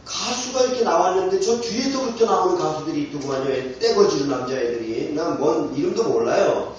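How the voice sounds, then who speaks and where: A male pastor delivers an impassioned sermon with a high, swinging voice, pressing the congregation with question after question. He is heard from a distance in an echoey church hall on a dull, muffled recording. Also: expressive, brisk, slight background noise. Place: church sanctuary.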